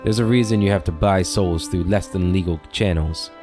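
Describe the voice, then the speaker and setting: A man's voice: low voice, normal speed, a little mellow, soft background music, close to an everyday voice. A man reading out a grumbling blacksmith. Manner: plain reading with stumbles and repeats. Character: disapproving male blacksmith, read aloud. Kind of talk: reading game dialogue aloud.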